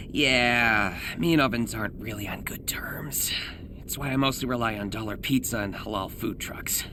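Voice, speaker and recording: A man's voice: mid-range voice, moderate pace, noisy background, lightly acted. A man playing an anxious, earnest young American superhero in a video game, rambling and hesitant in a self-deprecating way. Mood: awkward, worried. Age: young adult. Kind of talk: naturalistic game voice acting, spoken diary and messages.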